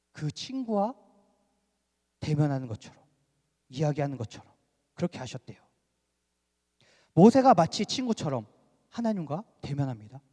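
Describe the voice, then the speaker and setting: A male pastor giving an animated sermon, full of rhetorical questions, in a church sanctuary. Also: high voice. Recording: reverberant church hall.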